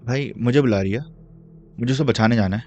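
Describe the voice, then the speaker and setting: A dazed young man keeps begging in a trance-like loop, insistent and repetitive, as a male storyteller puts him on. His voice sits at a middling pitch and comes through a dull, muffled recording. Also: fairly quick, mellow, lightly acted. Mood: dazed pleading. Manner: insistent repeated pleading.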